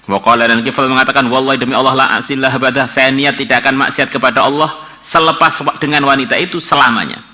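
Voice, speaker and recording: Older man, bright voice, reads Arabic then explains it, sermon. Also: mid-range voice, steady tone, quick pace. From Indonesia. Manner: reads Arabic phrases then paraphrases them, acts out dialogue in a raised voice. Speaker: kyai teaching a religious class.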